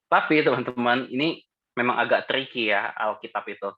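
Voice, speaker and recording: A man's voice: medium pitch, normal speed. A man leading a casual Bible study group, talking conversationally and putting questions to the listeners. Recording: dull lo-fi audio.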